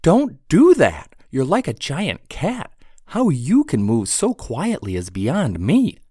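A lively young woman in an audiobook, speaking with a lifted, expressive voice that rises and falls a lot, as a man puts her on. She sounds open and quick to react. The sound is close and dry. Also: fairly high pitch, slightly rough, no echo, pitched above the performer's own voice, exaggerated voice.

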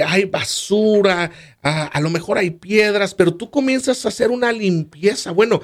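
Man, preacher type; high and very expressive, scripture-quoting sermon delivery. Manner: preachy, asks rhetorical questions, quotes scripture. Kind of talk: sermon-style teaching on marriage.

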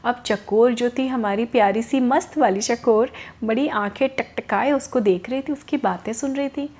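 A woman's voice: a little high, normal speed, a little mellow. Woman telling a children's story. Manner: chatty, explains words to children.

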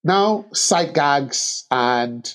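A man with a husky voice recapping a film in casual chat, halting with many restarts. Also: a little high. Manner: halting, many restarts and ums, animated when joking. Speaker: podcast co-host recapping a film. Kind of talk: casual movie discussion.

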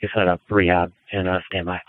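A man's voice: low voice, little pitch movement, a little fast, a little hiss or hum. A man acting as fire incident commander, giving businesslike orders over the radio. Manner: businesslike, directive. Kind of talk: fireground radio dispatching. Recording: narrow, phone-like radio audio.

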